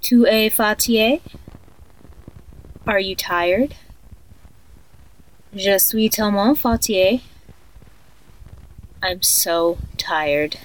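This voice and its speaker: A female performer plays an eerie woman narrating a guided sleep meditation in a horror audio story. She speaks very slowly and softly, like a sleep story narrator. Her mid-pitched delivery is soothing yet haunting. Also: low-quality recording.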